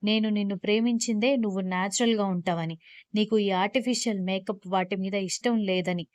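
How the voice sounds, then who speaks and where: A woman's voice: mid-range voice, fairly quick, darkish tone, dry recording, clean studio sound, natural voice. A woman reading a teasing, possessive young husband. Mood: bossy. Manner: teasing, playfully bossy.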